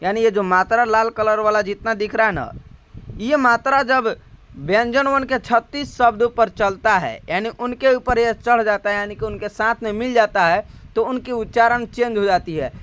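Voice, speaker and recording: A male Hindi teacher with a Hindi accent, high-pitched and crisply clear. He explains patiently in classroom style, stretching out each syllable and tossing in frequent rhetorical questions. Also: a bit bright. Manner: drawn-out spoken syllables, repeated rhetorical questions.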